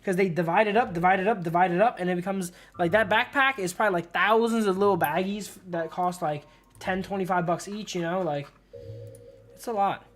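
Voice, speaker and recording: This man's voice sits high and sounds brisk and fairly bright. He's a live streamer commenting casually on a game, reading the story text out loud and talking in slangy, informal bro-and-dude style. Music runs in the background.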